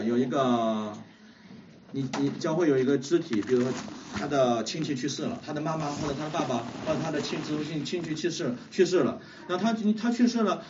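A man preaches at a quick clip with a lively, swooping voice, questioning the congregation again and again and breaking into laughter. He is picked up from a distance in a church hall, and the sound is muffled, with clear background noise. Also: fairly high pitch. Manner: keeps asking the congregation questions and laughs often. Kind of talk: sermon with call-and-response. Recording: muffled, distant, noisy room recording.

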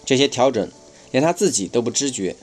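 A man reading a first-person nonfiction book aloud in a measured, explanatory way. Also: medium pitch, lively intonation, faint music behind. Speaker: audiobook reader.

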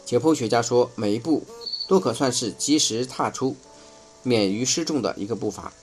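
A man reading a first-person nonfiction book aloud in a measured, explanatory way. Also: medium pitch, soft background music. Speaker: audiobook reader.

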